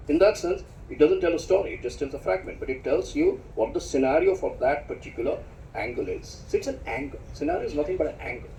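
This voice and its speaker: A middle-aged man speaking at a book discussion, reflective and searching for words, with dry self-deprecating humor and sharp rises in pitch for emphasis. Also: vocal fry, slight background noise. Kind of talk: spoken lecture at a book discussion. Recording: roomy hall sound from a distant mic.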